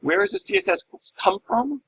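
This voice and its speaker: A man's voice: very high-pitched, big pitch swings, normal speed, vocal fry, sharp tone, slight background noise, low-quality recording. A middle-aged man teaching a class in a recorded lecture, explaining step by step and asking and answering his own questions. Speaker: instructor.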